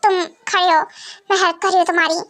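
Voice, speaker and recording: A woman's voice: very high voice, level tone, fast, fairly bright tone. A woman voicing a caring vampire mother who soothes and scolds her son in a fan voice drama. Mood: soothing.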